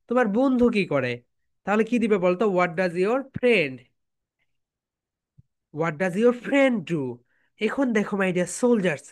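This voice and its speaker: Teacher, woman; slow, repetitive drilling, mixing Bengali and English. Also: mid-range voice. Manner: drills phrases slowly, repeating, with students chanting along. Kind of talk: online classroom lesson.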